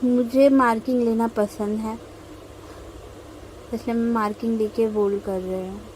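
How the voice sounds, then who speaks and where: A young woman from India explaining step by step as a tutorial host, slow and patient, with frequent pauses. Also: on the high side, fairly even intonation, darkish tone, slight background noise, rough recording. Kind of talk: instructional voice-over while drawing.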